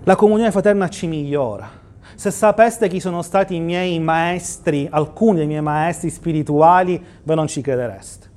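A pastor preaching a livestreamed sermon in church, asking rhetorical questions and quoting scripture. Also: male voice, on the high side, moderate pace, a little mellow.

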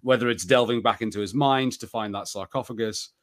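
Speaking at a medium pitch, this man co-hosts a laid-back review podcast, working out his views mid-sentence. He hedges, loops back, and talks in a halting, chatty way.

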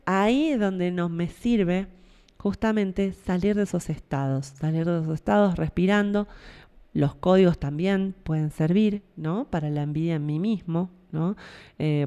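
Podcast host: Buenos Aires Argentine woman, low warm voice, thinks aloud while talking, long room echo. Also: normal speed, clear, resonant tone. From Buenos Aires Province, Argentina. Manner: searching for words, frequent tag questions. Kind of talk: reflective spiritual talk.

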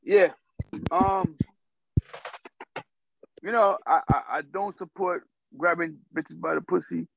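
A man's voice: fairly high pitch, takes it slowly, vocal fry, pauses often, a bit bright. A man trading crude jokes on a video call, stammering and repeating himself. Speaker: podcast guest. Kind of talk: crude casual banter. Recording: muffled video call with faint noise.

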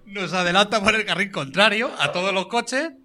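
A man from Spain, a local police officer, telling an anecdote on stage in a dry, deadpan, laconic way. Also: high voice, moderate pace. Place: stage at a live comedy show.

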